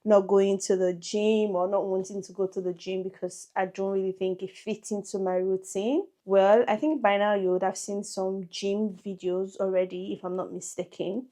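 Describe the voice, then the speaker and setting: A young woman talks straight to her viewers in a loose, chatty vlog. Her pitch sits mid-range for a woman. She keeps breaking off into quick, self-amused asides. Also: steady tone, dark tone. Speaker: lifestyle vlogger. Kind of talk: casual vlog chat to camera.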